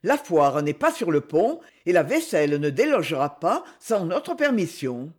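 A man's voice: fairly high pitch, sing-song, moderate pace. A man doing a teasing, nonchalant young husband. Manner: phlegmatic, mocking.

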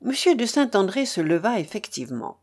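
A woman reads a novel aloud with expressive, theatrical delivery. Her pitch sits in the middle and moves a lot between phrases. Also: fairly quick, breathy edge. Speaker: narrator. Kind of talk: audiobook narration of a novel.

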